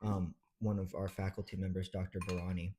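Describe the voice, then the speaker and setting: A man's voice: low voice, a little fast, a little hiss or hum. A young man in his twenties from Georgia, a medical student chatting casually with many ums. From Georgia, USA. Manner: relaxed, easygoing, many ums. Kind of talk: casual chat.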